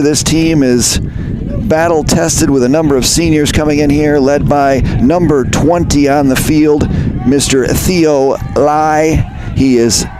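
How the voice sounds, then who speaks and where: A man doing live play-by-play commentary for a high school lacrosse game, chatty and conversational, often correcting himself. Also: a little mellow, slight background noise. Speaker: play-by-play announcer. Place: outdoor high school field.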